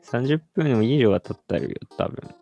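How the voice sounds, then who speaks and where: A man in his thirties co-hosting a podcast in casual chat, laid-back and quick to agree. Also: mid-range voice, animated, vocal fry, mellow, muffled recording. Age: 30s. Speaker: podcast co-host. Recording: faint guitar music underneath.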